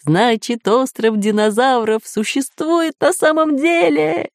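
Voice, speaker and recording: An eager, learned professor read by a woman in a storybook. He explains patiently in a voice close to the reader's own, lively in pitch and dry. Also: normal speed, no echo. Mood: jubilant. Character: excitable learned male professor geographer.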